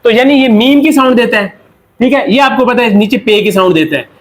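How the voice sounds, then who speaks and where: High-voiced man teaching Korean pronunciation. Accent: Pakistani Urdu. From Pakistan. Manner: asks questions and answers them himself, repeating drilled words; slows down to spell out example words. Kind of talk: classroom lesson explanation.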